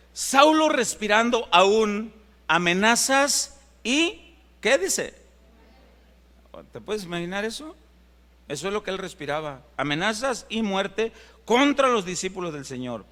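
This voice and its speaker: Impassioned Mexican pastor, bright high voice. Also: male voice. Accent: Mexican Spanish. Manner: impassioned preaching, rising to emphatic climaxes. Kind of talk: sermon. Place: church sanctuary. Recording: long church hall reverb.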